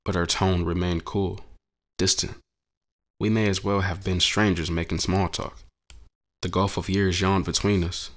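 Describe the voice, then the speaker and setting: A man telling a dramatic story in the first person, narrating with a measured, brooding delivery. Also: low voice, flat delivery.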